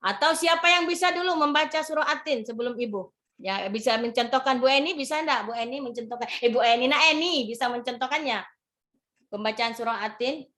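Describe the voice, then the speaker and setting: A woman's voice: sits high, fairly quick, bright, forceful tone. A woman teacher, leading a classroom lesson in a motherly, repetitive instructing manner. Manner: motherly instructing, repeats words and phrases. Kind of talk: classroom lesson on Quran reading.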